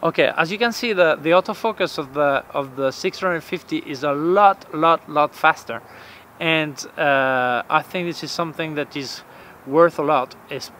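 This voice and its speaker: This is a man in his forties with a non-native English accent, hesitantly reviewing cameras for a laid-back vlog filmed on a city plaza bench. His voice is fairly high and sharp at a normal speed, packed with fillers and repeated words. Soft sounds of the street can be heard behind him.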